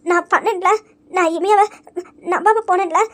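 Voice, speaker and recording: A woman's voice: very high-pitched, moderate pace. A woman voicing a remorseful young woman in an audio story, crying and stammering as she blames herself. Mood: broken. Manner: sobbing, stammering apologies. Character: remorseful young woman, tearful and self-blaming.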